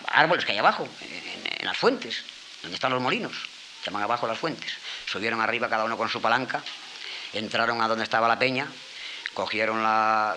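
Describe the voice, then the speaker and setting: A man telling a folk tale aloud in a casual, animated way, imitating animal sounds and restarting words as he goes. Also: lowish voice, a little hiss or hum, poor audio. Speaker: storyteller.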